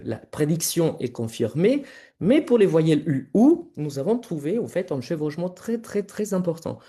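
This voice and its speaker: Mellow-voiced male researcher presenting. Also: on the high side. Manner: explains slides step by step, talks directly to the audience. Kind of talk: academic conference presentation.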